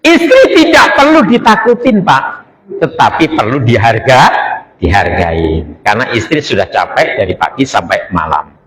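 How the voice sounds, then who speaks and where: Lively, joking male preacher. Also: medium pitch, normal speed, low-quality recording. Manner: asks the congregation questions and jokes with them. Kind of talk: sermon, lively religious talk. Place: mosque after dawn prayer.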